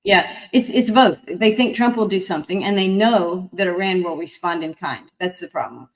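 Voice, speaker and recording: A woman guest on a panel show, explaining at length in a halting way while she has the hiccups. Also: fairly low pitch, low-quality recording. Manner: halting, lots of fillers and restarts. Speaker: guest commentator. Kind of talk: panel discussion.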